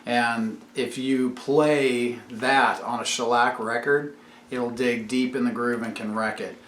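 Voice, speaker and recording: Taking it slowly, this dad and YouTube host explains things in a teacherly manner during a casual home vlog, putting questions to his children. His mid-range voice is steady and fairly bright, and the room at home sounds echoey, with faint background noise.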